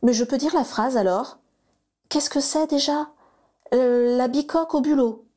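A woman's voice: high-pitched, measured pace, mellow, voice pushed up. A woman doing a cheeky, mocking little boy. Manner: teasing, impatient, grumbling.

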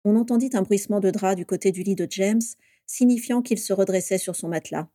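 Calm, mellow woman narrator. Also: mid-range voice, a little fast, no echo, studio quality. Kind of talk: storybook reading.

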